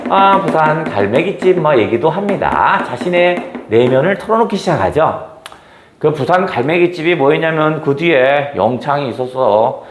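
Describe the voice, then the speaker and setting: A man's voice: a little high, normal speed, roomy sound, a little hiss or hum. A man teaching a literature lesson and acting out the scenes as he goes. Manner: animated, acts out scenes. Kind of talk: literature lecture.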